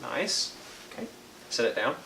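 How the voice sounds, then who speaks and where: A young man gives a one-on-one brass lesson, patient and often checking in. His voice sits in an echoey room with a faint hiss behind it. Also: a little slow. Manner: patient, checks understanding with frequent okays. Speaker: brass teacher.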